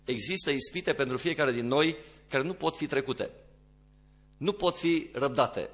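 A man preaching a sermon, dropping to quiet low passages and rising into emphatic, louder ones.

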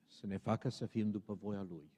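Male preacher, sermon delivery, warm dark tone, emphatic and exhorting, long hall reverb. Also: on the low side, steady tone. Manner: emphatic, rising to stern exhortation.

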